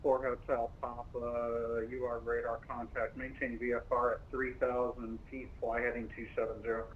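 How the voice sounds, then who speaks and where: A man's voice: medium pitch, flat delivery. Tinny-sounding man on radio. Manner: clipped instructions with filler pauses. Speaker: air traffic controller. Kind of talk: radio phraseology. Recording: tinny radio link with faint noise.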